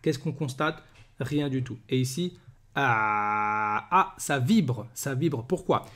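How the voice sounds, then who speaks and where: A man runs a calm pronunciation lesson, voicing each letter slowly and repeating it. His voice sits a little high. He keeps asking whether the listener is following. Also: breathy edge. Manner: patient, repeats letter sounds slowly, asks "d'accord?" often. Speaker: Arabic teacher.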